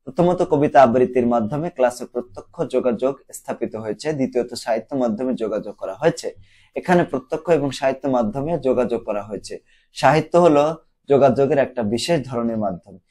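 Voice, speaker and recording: A man's voice: medium pitch, brisk, warm tone. A man from Bangladesh teaching students how to answer exam questions, explaining step by step and repeating words to show their pronunciation.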